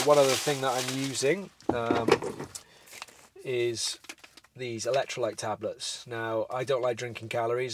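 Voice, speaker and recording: Young guy talking to camera from his parked car, easygoing, lots of ums, bit of hiss behind. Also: medium pitch. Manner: relaxed, explanatory, frequent fillers. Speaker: hiking vlogger. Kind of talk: casual talk to camera. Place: parked vehicle, indoors.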